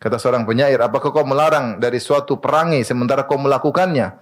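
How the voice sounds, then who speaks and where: A man preaching a sermon in an animated way, asking rhetorical questions and answering them himself. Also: mid-range voice, fast.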